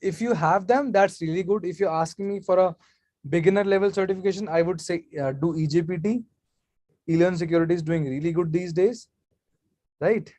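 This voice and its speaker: A man's voice: sits high, brisk, mellow, no room sound. A man, speaking casually as a guest speaker in a live online session and answering questions from the chat. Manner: casual, chatty, off-the-cuff advice.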